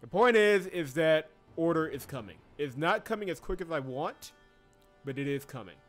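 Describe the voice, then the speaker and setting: A man from Georgia in the US streams a story game, chatting casually with his chat, laughing often, and reading game text aloud in an animated way. His voice is a little high and comes at a normal speed. He uses a desk mic, and the game soundtrack plays in the background.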